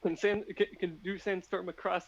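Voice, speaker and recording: A man's voice: high-pitched, level tone, moderate pace, dull audio. A man talking through board game strategy on a live stream, thinking aloud with many fillers and restarts.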